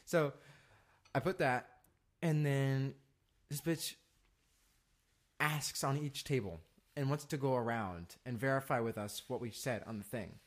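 A man's voice: mid-range voice, unhurried, pauses often. A young adult man co-hosting a podcast, telling a long story in a loose, profane way full of fillers. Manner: laid-back, profane, rambling with fillers. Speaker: podcast co-host. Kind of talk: casual storytelling chat.

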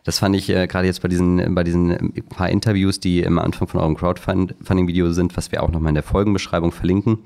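Man, podcast host, very deep voice, gravelly, filler-heavy. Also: little pitch movement, fast, hardly any pauses, dark tone. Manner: loose, filler-heavy, friendly questions. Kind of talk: casual interview chat.

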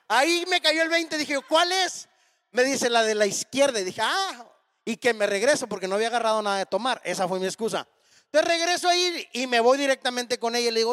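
A man in his thirties preaches a storytelling sermon, animatedly acting out each bit of dialogue. His voice sits very high for a man. A long hall reverb trails behind every phrase. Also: a bit bright. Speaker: pastor.

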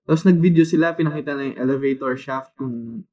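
A young man from the Philippines, co-hosting a casual chat and telling stories in a lively way with many fillers. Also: mid-range voice, a little fast. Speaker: podcast co-host. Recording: dull lo-fi echoey sound.

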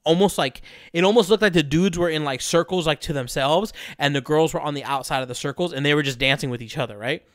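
A young man tells a story on a podcast, his voice a touch high. He rambles and swears as he goes, with many fillers and frequent laughs. The sound is close and dry. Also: fast talker, few pauses, no echo. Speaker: podcast co-host. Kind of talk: casual storytelling chat.

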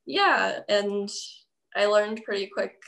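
Slow and a bit bright, with vocal fry, this mid-range female voice comes with a little hiss or hum. The speaker is a young interview guest from around Milwaukee, USA, chatty and giggly, filling her casual talk with "like."

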